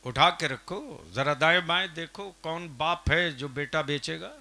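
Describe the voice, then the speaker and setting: A man preaching a fiery sermon at a public gathering, asking the crowd questions and swinging up to shouting. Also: fairly high pitch, unhurried. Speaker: Islamic preacher. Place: outdoor religious gathering.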